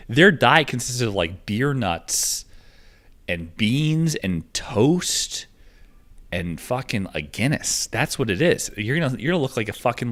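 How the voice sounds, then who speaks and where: A man's voice: deep voice, a bit bright. A man ranting casually on a livestream, rambling and swearing with lots of fillers. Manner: rambling and profane, with frequent fillers.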